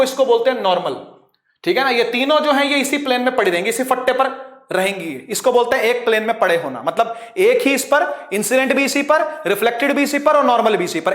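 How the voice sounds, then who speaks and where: A man's voice: very high voice, a bit bright. A man teaching a physics class online, patiently explaining and often checking whether his students follow. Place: teaching at a board. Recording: echoey room.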